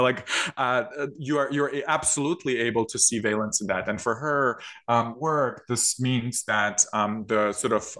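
A man's voice: fairly low pitch, a bit bright. A man, an author and queer studies scholar, speaking in an interview with thoughtful, hedging academic phrasing.

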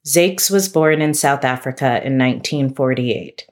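A woman guest-hosting an arts podcast, reading a formal introduction in a measured way and asking interview questions. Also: very deep voice. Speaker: guest host, gallery director.

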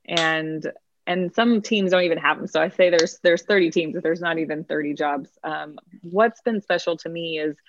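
A woman's voice: low voice, steady tone, normal speed, dull audio, a little hiss or hum. A woman with a Texas accent, a baseball field reporter, speaking proudly in a casual podcast interview and often repeating words as she starts a sentence.

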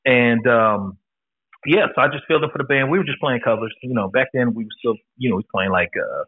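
A man's voice: medium pitch, fairly quick, breathy edge, no room sound. Candid man in his forties on a tinny line. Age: 40s. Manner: laid-back, candid, profane storytelling. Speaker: podcast guest. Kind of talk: casual chat. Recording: tinny phone-like line, dry.

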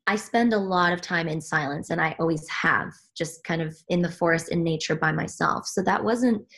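Her voice sits on the low side, gravelly yet fairly bright, and she talks at a normal speed. She is a spiritual teacher from Switzerland, a podcast guest describing her path with earnest reflection and frequent restarts as she hunts for the right words.

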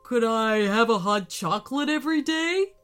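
A woman's voice: on the high side, lively intonation, normal speed, fairly bright tone, smooth, faint music behind. A woman voicing a huge, grumpy but friendly male yeti who grumbles with a folksy, exasperated manner. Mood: happy, hopeful.

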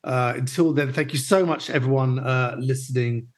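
A man's voice: medium pitch, moderate pace. Male podcast host, casual football chat, mid-range voice.

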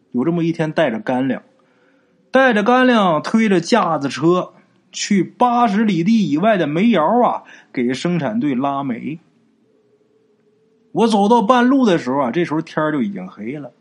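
A man narrating a folk ghost story in a colloquial, animated way with drawn-out particles. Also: a little high.

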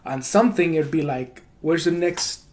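Podcast host, young man raised in Mexico, slightly high voice, loose slangy delivery. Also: normal speed, a little mellow. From Mexico (Durango). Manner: casual, laid-back, heavy slang and swearing. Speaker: comedian and video creator, podcast host. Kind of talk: casual podcast chat.

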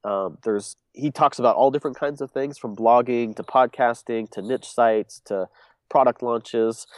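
A man's voice: medium pitch, normal speed, no room sound. A young man with a congested, stuffy voice, talking casually as an interview guest and rambling with many fillers and restarts. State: congested, sick. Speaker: guest, business owner.

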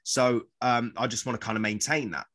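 On a casual podcast, a man in his forties who works as a fitness trainer rambles as he explains, repeating words and acting out voices he quotes. He speaks briskly with a medium-pitched, a bit bright voice and fairly even intonation.

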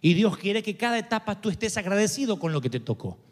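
A high-pitched male preacher delivers a sermon full of humor and rhetorical questions. His pitch leaps up and down with animation. The long echo of a large church hall trails after every phrase. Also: big pitch swings, quick pace. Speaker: pastor.

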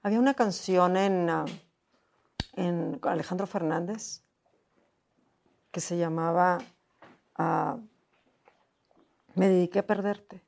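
A woman's voice: fairly low pitch, steady tone, slow, gravelly, long pauses, a little mellow. A middle-aged Mexican woman, a guest in an interview, telling a personal story with emotion, often repeating herself and acting out what others said to her. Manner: repetitive, acts out quoted voices.

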